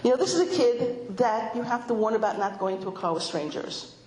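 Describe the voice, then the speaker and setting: A middle-aged woman giving an informal talk to women, telling stories with animation and voicing children in a high pitch. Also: expressive, brisk, a little mellow. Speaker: speaker addressing a women's audience. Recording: echoey room with faint noise.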